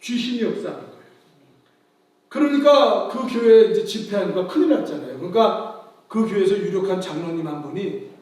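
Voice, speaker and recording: A man with a high voice preaches with great animation, breaking into shouts and acting out the voices in his story. He sounds distant from the microphone, and his voice rings through a very echoey sanctuary. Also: lively intonation, brisk. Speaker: pastor. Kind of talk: sermon. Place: large church sanctuary. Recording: very echoey hall, voice from afar.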